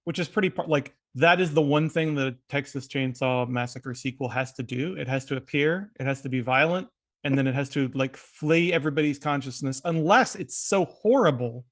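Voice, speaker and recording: A man's voice: medium pitch, brisk. A man co-hosting a film podcast, chatting casually about movies with frequent restarts. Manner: conversational, frequent restarts and hedges. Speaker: film critic podcast host.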